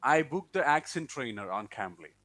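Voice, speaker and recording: A man's voice: medium pitch, sing-song, moderate pace, fairly bright tone. A man who is not a native English speaker, answering interview questions in a hesitant way with restarts.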